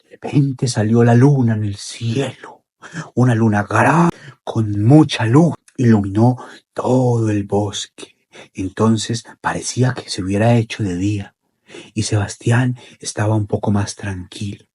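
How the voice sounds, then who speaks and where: A man telling a children's story in an expressive, repetitive way with dramatic pauses. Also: on the low side, slightly rough.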